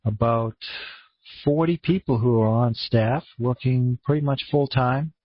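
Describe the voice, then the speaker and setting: Male conference-call host, Maine accent, husky voice, laid-back rambling delivery, dull lo-fi recording. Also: mid-range voice, unhurried, no echo. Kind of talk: casual, rambling online presentation. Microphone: online conference room call. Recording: dull, muffled lo-fi audio.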